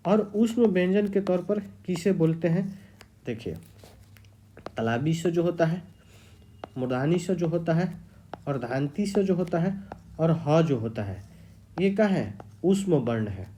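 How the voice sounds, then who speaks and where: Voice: mid-range voice, animated, a little slow, pauses often, dark tone, a little hiss or hum. A teacher giving an exam-prep grammar lecture, repeating key terms and quizzing the students.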